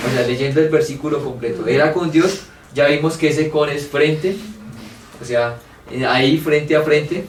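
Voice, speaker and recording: A man from Colombia leads a church theology class, earnest and thinking aloud as he plays both sides of an argument. His voice sits a little high and is picked up from a distance. The room echoes and a faint hiss runs underneath. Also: moderate pace. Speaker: Bible study teacher.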